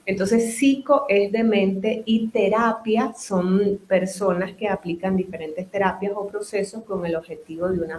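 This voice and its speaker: A woman's voice: medium pitch, a little mellow, roomy sound, a little hiss or hum. A woman from Nicaragua, a business owner and psychotherapist, chatting as a guest in an interview and explaining at length with asides. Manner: talkative, explains with restarts and asides. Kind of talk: interview conversation.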